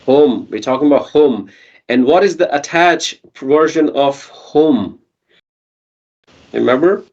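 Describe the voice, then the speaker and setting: A man's voice: on the high side, takes it slowly, darkish tone, highs cut off. A man teaching a Quranic Arabic grammar lesson online, patiently asking his students questions and checking in with them.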